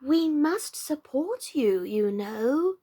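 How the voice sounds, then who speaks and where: Imperious storybook queen, high voice, slow commanding delivery done by a woman reader. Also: sing-song, warm tone, heavily acted. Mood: bossy. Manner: imperious, decided. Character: bossy, commanding Red Queen of a fairy tale.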